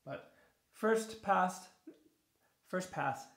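Relaxed man in an echoey bathroom. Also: sits high, extremely slow. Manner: relaxed, rambling, frequent fillers and restarts. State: a little tired in the evening. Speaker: shaving video host. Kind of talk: casual product review while shaving. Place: small home bathroom. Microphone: camera on the counter at close range.

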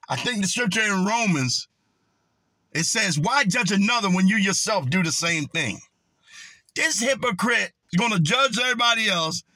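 Man, high voice, dry close sound, preachy scolding rant. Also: sharp tone, no room sound. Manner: preachy, scolding, quotes scripture. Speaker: online commentator. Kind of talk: confrontational video rant.

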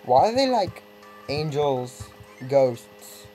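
A man's voice: fairly high pitch, sing-song, very slow, warm tone, poor audio. A man giving casual, rambling gameplay commentary, breaking off mid-thought with wry asides. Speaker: let's play gamer. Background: faint game music.

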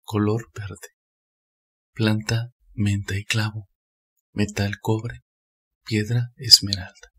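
A man calmly reading a scripted spiritual narration in a measured, steady way. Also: lowish voice, breathy edge.

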